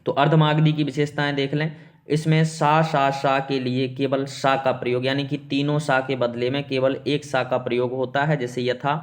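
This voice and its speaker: Man, teacher, exam-prep lecture, rhetorical questions, mid pitch. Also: little pitch movement, moderate pace. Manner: explains step by step with rhetorical questions; addresses students as "beta".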